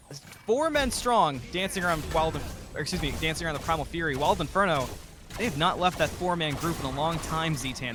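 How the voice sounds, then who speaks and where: A man giving live play-by-play esports commentary like a fighting game announcer, building to drawn-out calls when the action heats up. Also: a little high.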